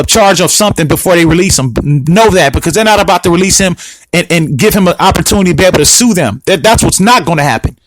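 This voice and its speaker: A man's voice: high-pitched, no echo, low-quality recording. A man hosting a solo podcast, ranting heatedly and repeating himself. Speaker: podcast host.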